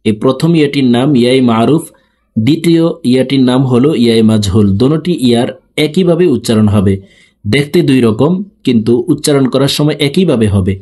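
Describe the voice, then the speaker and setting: A man teaching letter pronunciation, explaining each sound slowly and then chanting it with long drawn-out vowels. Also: medium pitch, lively intonation, dark tone, husky. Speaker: Quran reading teacher.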